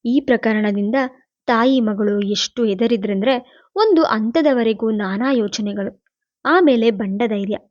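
A woman narrating a novel as an audiobook, in a steady, even storytelling manner. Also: fairly high pitch, measured pace, no echo, dull audio. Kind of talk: novel reading.

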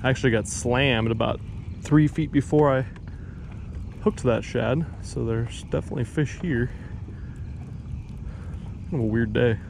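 A gravelly, medium-pitched voice comes from a fishing vlogger in his thirties, who speaks at a measured pace with long pauses. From a bass boat on a lake, he offers easygoing, self-mocking narration and talks to his dog. The action camera on the boat records a noisy background.

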